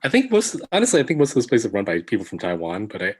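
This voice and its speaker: A man with a somewhat low voice answers as a podcast guest. He hesitates, restarts and trails off as he recalls things. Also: wildly swooping pitch, very fast, darkish tone, breathy edge. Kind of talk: casual interview.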